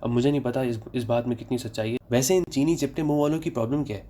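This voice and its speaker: A man's voice: mid-range voice, steady tone, warm tone. A young man from Pakistan delivering a sarcastic comic monologue, then giving health advice. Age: young adult. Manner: sarcastic rapid-fire jokes. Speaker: comedy vlogger.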